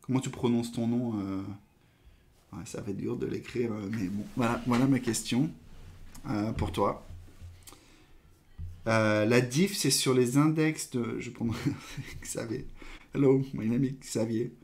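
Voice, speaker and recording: A man's voice: medium pitch, unhurried, long pauses, darkish tone. A man hosting a live coding stream, thinking aloud with hesitations and trailing phrases while he tests code and reads viewer questions.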